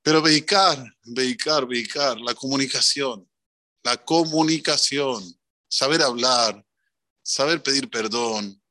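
Animated Argentine man telling a sermon parable. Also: mid-range voice, slow pace, dry recording, studio quality. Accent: Argentine Spanish. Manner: animated, swings between voices. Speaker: religious teacher. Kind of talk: storytelling sermon.

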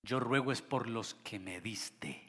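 Slow, emphatic male preacher in a reverberant hall. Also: mid-range voice, bright, forceful tone, a little hiss or hum. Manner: emphatic preaching with rhetorical questions, swelling and dropping in volume. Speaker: pastor. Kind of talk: sermon.

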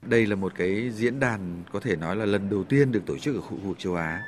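A middle-aged man speaking as an association chairman in an interview, deliberate with small hesitations. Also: on the low side, slight background noise. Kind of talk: interview answer. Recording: crowd audible behind.

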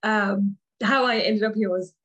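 An Irish woman in her thirties chats as a podcast guest, open and self-mocking, with laughter breaking into her talk. Her pitch sits in a middling range for a woman. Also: fairly even intonation, unhurried, fairly bright tone, breathy edge, muffled recording. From Ireland. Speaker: guest life coach. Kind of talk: casual podcast chat.

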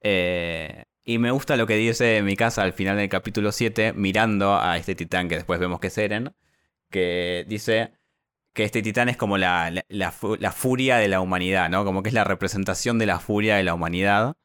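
Low smooth-voiced Argentine man, dry sound. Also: normal speed, fairly bright tone, dry recording. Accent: Argentine Spanish. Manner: rambling recap with many fillers and restarts. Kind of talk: casual chat.

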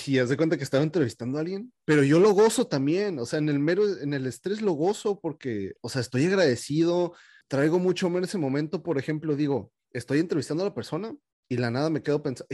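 A man's voice: on the high side, no echo, clean studio sound. A man who works as a recruiter, telling anecdotes in casual, slangy conversation. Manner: anecdotal, slangy, animated storytelling.

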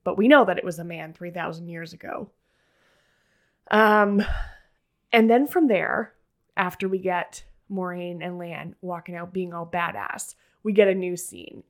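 A woman hosting a podcast, recapping a show in casual, enthusiastic chat and swearing now and then. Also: lowish voice. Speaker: podcast host.

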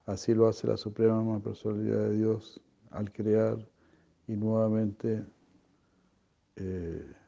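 A man leading a scripture class, reading and explaining slowly and haltingly, with many fillers and soft chuckles. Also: lowish voice, level tone, vocal fry, dull audio. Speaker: spiritual teacher.

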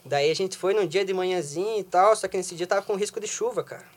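Brazilian male guest, high voice, rapid, slangy storyteller. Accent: Brazilian Portuguese. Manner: slangy, animated, laughs often. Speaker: podcast guest. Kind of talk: casual storytelling chat.

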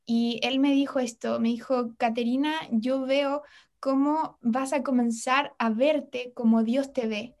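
A woman's voice: high-pitched, fairly even intonation, a little slow, a little mellow. A young woman telling a heartfelt personal testimony as a podcast guest, retelling conversations in quoted voices.

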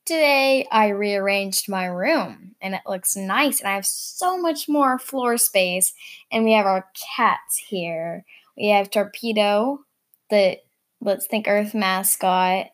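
A woman's voice: mid-range voice, slow pace. A young woman talking casually to her viewers. She is upbeat and chatty, rambling from one thought to the next with plenty of fillers. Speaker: vlog host. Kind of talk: casual vlog chat.

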